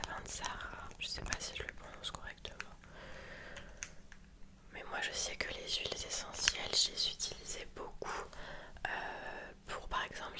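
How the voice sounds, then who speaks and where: A woman with a cold whispers a soft, unhurried ASMR sponsored product read, gently presenting an unboxing. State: has a cold and sore throat. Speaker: ASMR video creator presenting a sponsored box.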